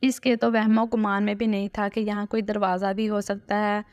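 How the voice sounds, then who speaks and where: A woman storyteller giving a steady scripted narration of an emotional family story. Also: mid-range voice, moderate pace, dry recording, dull audio. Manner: steady, even reading.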